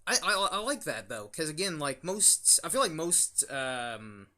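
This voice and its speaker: A man's voice: fairly high pitch, sing-song, unhurried, pushed and bright. A young man hosting a casual review chat, rambling with lots of fillers and restarts. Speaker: YouTube channel host.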